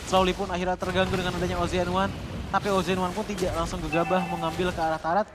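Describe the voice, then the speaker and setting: A man's voice: high voice, little pitch movement, fast, over music. A man giving live mobile game commentary and analysis in a conversational, explanatory way. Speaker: esports match co-commentator. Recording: clear background noise.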